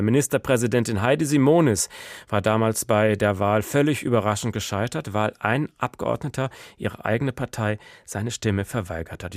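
A man presenting a culture news program on the radio in a smooth, scripted delivery. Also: mid-range voice, no echo, clean studio sound. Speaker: radio host.

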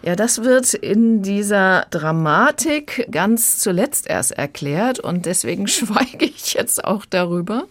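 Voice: medium pitch, sing-song, takes it slowly, few pauses, no room sound. A critic discussing a novel on the air in an engaged, explanatory way. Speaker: literary critic. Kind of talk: book review talk.

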